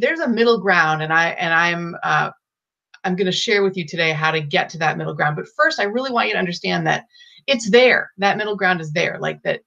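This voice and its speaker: A woman parenting coach talks straight to camera, laying out earnest step-by-step advice. Her voice sits a little low but sounds bright and forceful. The recording is dull and lo-fi.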